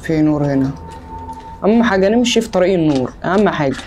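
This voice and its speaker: A man's voice: a little high, lively intonation, very fast, a little mellow, faint music behind. A man with an Egyptian Arabic accent who hosts a horror game let's play; he talks in a jumpy, panicky way, crying out in repeated bursts, then cracks jokes. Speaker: gaming channel host.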